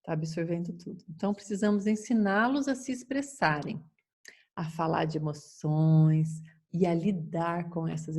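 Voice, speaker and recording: A woman's voice: lowish voice, a little mellow. A woman giving an informal talk on raising children, often acting out what parents and children say. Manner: acts out parents and children in quoted lines. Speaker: parenting educator.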